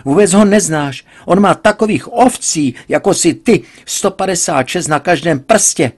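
A hot-tempered middle-aged father bellows and blusters, his voice jumping high and loud with indignation, as a male reader acts him out. He sounds overprotective and fuming, straight from a storybook reading. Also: huge pitch swings, slightly rough, heavily acted. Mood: furious.

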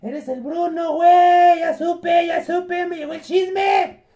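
A man's voice: very high-pitched, a little slow, a little mellow, voice pushed up. A man voicing a crude, cackling Joker with a Mexican accent, full of vulgar slang. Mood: mocking, gloating. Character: cackling crude male Joker, mocking villain. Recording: roomy home recording.

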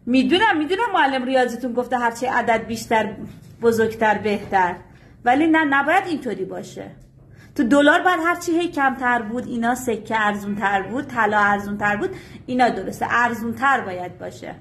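A woman's voice: a little high, animated, fairly bright tone. A woman playing a doting mother in a satirical one-sided phone call, patiently coaxing her grown son like a small child. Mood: patient, explaining. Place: small indoor room.

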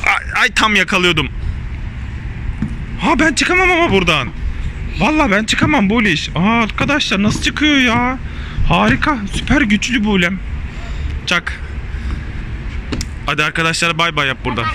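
A man's voice: high-pitched, moderate pace, pauses often. A man filming his daughter at a playground, cheering and coaxing her in casual vlog talk to viewers. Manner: excited, exclaiming, coaxing. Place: outdoor playground. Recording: noisy outdoor handheld recording. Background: city street noise and traffic.

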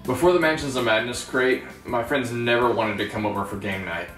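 A man's voice: mid-range voice, brisk, a bit bright, close to an everyday voice. Echoey infomercial testimonial customer played by a man. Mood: earnest. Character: earnest male satisfied customer in infomercial testimonial. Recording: echoey room with music behind.

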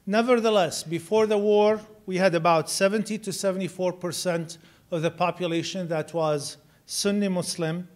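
A man's voice: sits high, steady tone, normal speed. A middle-aged man, giving an earnest university lecture at a lectern microphone, with frequent "you know" fillers. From Syria. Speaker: guest lecturer. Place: lecture room, indoors.

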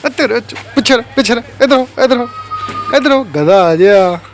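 A man's voice: very high voice, lively intonation, a little fast, soft background music. A man with a Punjabi accent filming a casual family vlog, playfully calling out to his kids and pets. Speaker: family vlogger, father.

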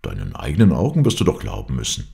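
Male reader doing an eager lovestruck groom, deep gravelly voice, lively rises. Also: fast talker, exaggerated voice. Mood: earnest. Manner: eager, earnest. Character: young man, lovestruck eager bridegroom.

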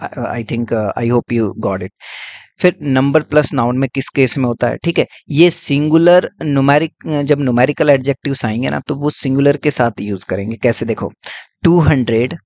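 A man gives a patient English grammar lesson at a medium pitch. He repeats each point a few times and keeps checking in with his students. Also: moderate pace, a little mellow. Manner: explains patiently, repeats points, checks in with frequent 'theek hai'. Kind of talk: classroom-style grammar lesson.

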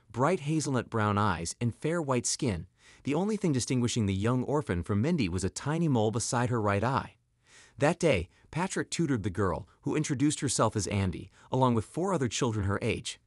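Guy narrating a story, lively up and down voice, dry close mic. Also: mid-range voice, no echo.

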